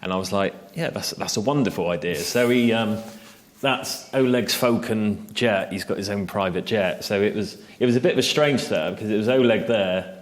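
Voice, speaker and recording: Deep-voiced man telling a story. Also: moderate pace. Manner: chatty, self-deprecating, many fillers and asides. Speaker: freelance cycling journalist, interviewee. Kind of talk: relaxed anecdotal storytelling. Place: festival stage interview, indoors.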